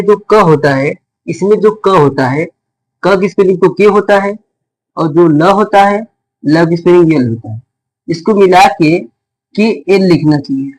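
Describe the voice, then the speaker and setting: A man teaches spelling to viewers. His voice sits a little high, and he repeats himself, asking a question and then answering it. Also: a little mellow, rough recording. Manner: repetitive, stops to ask and answer his own questions.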